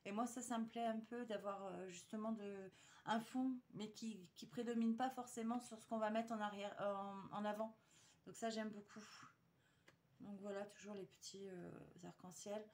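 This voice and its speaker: A woman's voice: medium pitch, steady tone, normal speed, darkish tone. A woman chatting casually to her viewers while showing a paper haul, hesitant with many fillers and restarts.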